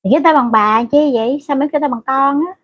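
A middle-aged woman runs a casual livestream, speaking fast in a high voice. She reads viewer comments aloud and bluntly, crudely scolds the rude ones. The audio sounds dull.

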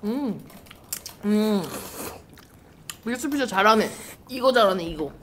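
Teasing woman eating-show host, talks through mouthfuls while chewing, lively up-and-down pitch, faint background noise. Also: takes it slowly. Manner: teasing, bickering. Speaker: mukbang YouTuber. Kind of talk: casual eating-show chat with her younger brother.

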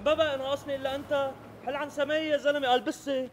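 A man's voice: very high-pitched, level tone, racing, a little hiss or hum. A man arguing on the street, sarcastic and dismissive toward a complaining stranger. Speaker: prank target, car owner. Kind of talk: heated street argument. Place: city street outdoors.

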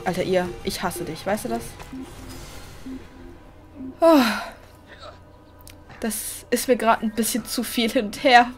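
A young woman hosting a let's play, chatty and excitable, often pleading and squealing at the game. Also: on the high side, a little slow, pauses often. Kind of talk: gameplay commentary. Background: game music.

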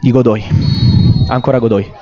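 A man giving live football commentary in halting phrases, repeating names. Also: mid-range voice, steady tone, dark tone, soft background music. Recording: dull, lo-fi sound.

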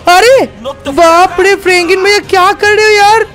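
A man's voice: quick pace, faint music behind. A man doing a squealing little boy. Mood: alarmed. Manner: high, squealing excited kid voice. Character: cheeky little boy Shinchan, excitable. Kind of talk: Hindi game role-play voice-over.

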